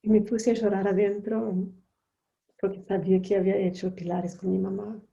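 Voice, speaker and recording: A woman interviewer speaking in a soft, reflective way in a conversation. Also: mid-range voice, flat delivery, normal speed, vocal fry. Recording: dull muffled sound.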